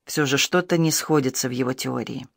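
A man reading a detective story aloud in even, steady scripted narration. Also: mid-range voice, a little fast, gravelly, no room sound. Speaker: audiobook reader.

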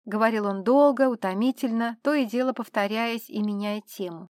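A woman narrating a classic story aloud in a lively, expressive reading. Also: fairly high pitch, normal speed, dry recording, clean studio sound. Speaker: audiobook reader.

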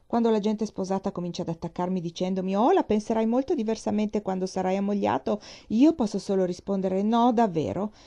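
A woman's voice: medium pitch, a little fast, hardly any pauses, warm tone, natural voice. A woman reading the part of a young male naval captain, dry and dismissive. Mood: wry.

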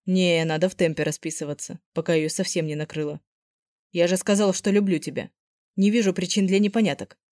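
Woman playing a bossy blunt young guy, curt grumbling delivery, low mellow voice. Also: fairly even intonation, brisk, dry recording, studio quality, lightly acted. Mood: blunt, grumpy.

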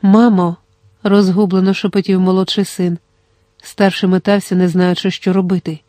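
An audiobook reader giving steady, scripted narration of a fantasy story. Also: mid-range voice, moderate pace, dry recording.

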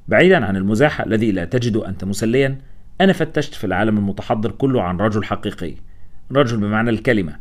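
A man's voice: fairly low pitch, expressive, quick pace, natural voice. A man voicing a frank young woman anthropologist who talks in a blunt, self-mocking way.

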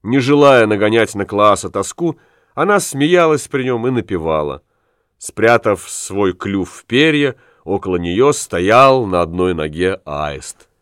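A man reads a classic novel aloud in a measured, steady storytelling voice. His pitch sits on the low side. The recording is close and very dry, with no room sound. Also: smooth, no room sound. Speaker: audiobook narrator. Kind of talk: scripted literary narration.

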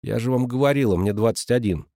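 A man's voice: mid-range voice, fast, mellow, no room sound, clean studio sound, natural voice. A man voicing a bold, teasing teenage girl who talks in a cheeky, colloquial way.

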